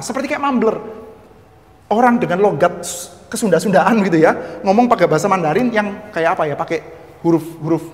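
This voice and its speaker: Lecturing on church history, a high-voiced man with an Indonesian accent shaded by Javanese keeps talking straight to his audience in a chatty manner, full of jokes on the side. A long reverb tail hangs on his words.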